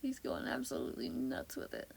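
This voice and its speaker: A woman's voice: fairly quick, a little hiss or hum. A woman talking casually in a voiceover, rambling and correcting herself, her voice a bit off today. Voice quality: gravelly fry in her voice. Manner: rambling, self-correcting, lots of ums. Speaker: beauty vlogger. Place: home, indoors.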